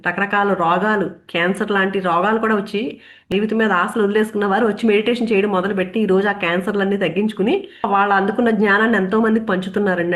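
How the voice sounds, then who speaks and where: A woman giving an earnest devotional talk on scripture, building her points through long rhetorical lists. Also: mid-range voice. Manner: earnest, rhetorical, list-like delivery. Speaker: spiritual speaker.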